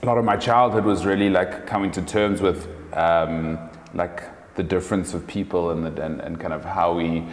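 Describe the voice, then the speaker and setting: A South African man in his thirties, a business owner talking casually as an interview guest, relaxed and thoughtful, with many fillers and restarts. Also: low-pitched, moderate pace. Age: 30s. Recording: echoey room with long reverb.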